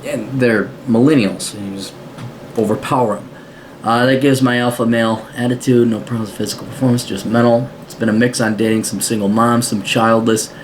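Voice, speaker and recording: An American man hosts a podcast, reading a listener's letter aloud and answering it bluntly with heavy swearing and mocking voices for his asides. His voice sits at medium pitch with fairly even intonation and a slightly fast pace. The recording is rough, with a little hiss or hum, and the talk is a casual, profane advice monologue.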